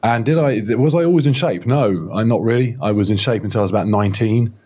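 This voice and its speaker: A man of about fifty guests on a casual podcast interview, telling his story in a rambling, self-deprecating way with lots of restarts. His voice is low-leaning, mellow and husky, and he talks fast. He's on a video call from an indoor home studio room, using a close studio mic and headphones.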